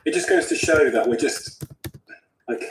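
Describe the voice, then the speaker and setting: A man's voice: mid-range voice, moderate pace, background noise. Thoughtful male interviewer, echoey room. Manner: thoughtful, musing questions. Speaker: interviewer, podcast host. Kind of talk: casual conversation. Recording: roomy echo.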